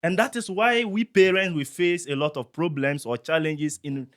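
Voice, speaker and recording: A man from Ghana, a parent and guest, explaining calmly with examples in a discussion. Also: fairly high pitch, normal speed.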